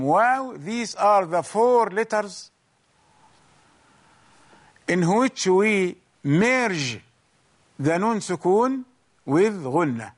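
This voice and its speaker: Slow, high-voiced man teaching tajweed. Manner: slow, explains each point twice, once in English and once in Arabic. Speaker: Quran recitation teacher. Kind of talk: bilingual tajweed lesson.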